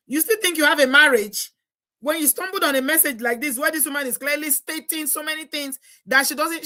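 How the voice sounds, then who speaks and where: Hosting a live stream on a live stream setup, a Nigerian woman chats away with lots of exclamations and frequent laughter. Her voice is high and sharp-toned.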